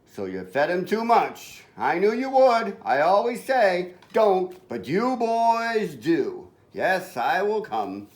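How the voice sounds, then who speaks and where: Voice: medium pitch, very animated, slow, hardly any pauses. A storybook reader voicing a fussy older pet-shop man who speaks in a knowing, scolding way. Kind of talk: storybook reading.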